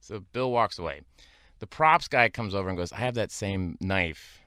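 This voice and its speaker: A man guesting on a podcast, telling an animated anecdote about his days as a production assistant and often breaking into laughter. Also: low-pitched, normal speed, no room sound, studio quality. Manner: animated storyteller, bursts into laughter.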